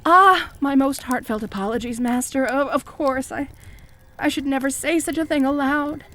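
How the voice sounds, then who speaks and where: A woman playing a fanatical, jealous cult high priestess in an audio role-play, fawning and pleading with stammering devotion. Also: moderate pace, pushed and bright, soft background music. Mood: fawning, apologetic. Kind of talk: scripted audio role-play addressed to the listener.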